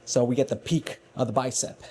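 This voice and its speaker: A man's voice: mid-range voice, fairly even intonation, brisk, mellow, slight background noise. A man in his forties vlogging casually to camera in a gym, hyping himself up and joking at his own expense. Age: 40s. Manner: upbeat, self-mocking hype talk. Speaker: fitness vlogger. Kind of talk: casual vlog talk to camera.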